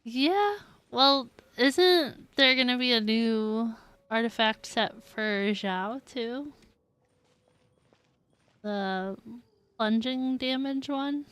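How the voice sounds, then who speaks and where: During a casual gaming stream, this VTuber jokes and giggles with her viewers in a teasing way. She speaks with drawn-out words and long pauses in a fairly high, slightly bright, smooth voice, with no room sound.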